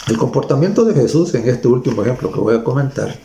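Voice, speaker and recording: A man's voice: medium pitch, expressive, fast, creaky, dark tone, roomy sound, a little hiss or hum. A man preaching a sermon in a conversational way, repeating words and checking in with his listeners.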